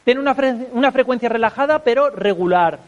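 High-voiced podcaster, chatty. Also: male voice, a little fast, lo-fi sound. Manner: chatty, constantly tags sentences with a questioning check. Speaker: podcaster giving advice. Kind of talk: informal talk to an audience.

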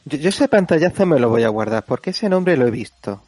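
A man's voice: a little high, big pitch swings, brisk, darkish tone, slightly rough, dry recording. A man chatting casually as a podcast panelist. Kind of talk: casual chat.

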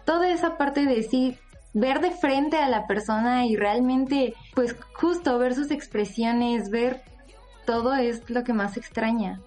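Woman student, high voice, hesitant and casual, soft music under. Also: takes it slowly. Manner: hesitant, with many restarts. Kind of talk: casual testimonial.

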